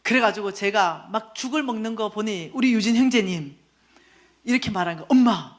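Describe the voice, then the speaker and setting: A woman, a church lecturer telling stories in an animated sermon. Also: mid-range voice, normal speed. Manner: animated, acts out quoted voices. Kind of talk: lively storytelling sermon lecture.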